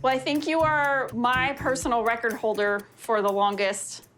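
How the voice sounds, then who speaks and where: A woman's voice: on the high side, flat delivery, moderate pace, a bit bright, faint music behind. A woman in her forties, a prosthetics specialist, speaking directly and with easy jokes while narrating and consulting a patient. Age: 40s. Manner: friendly, direct, joking. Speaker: anaplastologist. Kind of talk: reality show narration and consultation.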